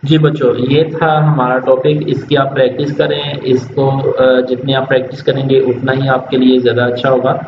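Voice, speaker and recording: A man teaching children Quran reading in Urdu, who draws out each word slowly as he models recitation and then explains quickly, with a Pakistani Urdu accent. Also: mid-range voice, level tone. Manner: stretches words slowly when modeling recitation; explains quickly in between examples. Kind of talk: online tajweed lesson for children. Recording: dull, echoey, noisy room.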